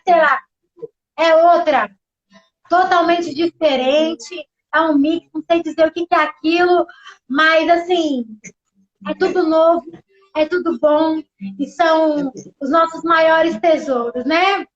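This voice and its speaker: A middle-aged woman pastor speaks with a Brazilian Portuguese accent in a very high voice. She talks casually, leaning on tag questions and acting out quoted exchanges. The sound is muffled and lo-fi, like a streamed service. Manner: chatty, tag questions, animated quoting. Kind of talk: casual church talk.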